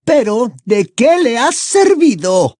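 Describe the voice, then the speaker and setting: A man voicing a fanatical, quick-tempered woman in an audiobook, with a high, strained, accusing voice. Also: big pitch swings, darkish tone, dry recording, studio quality, heavily acted. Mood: scornful. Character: shrill, scornful adult woman, fanatical and quick to anger. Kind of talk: audiobook character voice.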